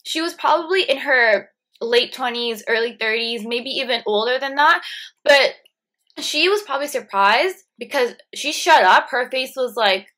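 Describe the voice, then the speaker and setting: A woman's voice: sits high, moderate pace, pushed and bright. A young woman ranting indignantly to camera in a casual vlog, full of "like" fillers. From Canada. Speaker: vlogger.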